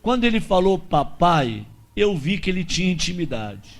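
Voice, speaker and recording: A Brazilian man preaching as a pastor, telling a testimony with lively acted-out dialogue and shouted peaks. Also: sits high, moderate pace. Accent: Brazilian Portuguese. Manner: animated storyteller acting out dialogue, shouting at peaks.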